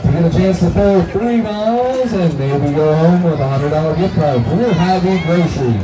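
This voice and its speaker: A man's voice: sits high, moderate pace, distant mic. A man working as a stadium announcer, addressing the crowd at a baseball park in an encouraging, folksy way. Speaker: stadium public-address announcer and contest host. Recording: echoey stadium PA, music, crowd noise.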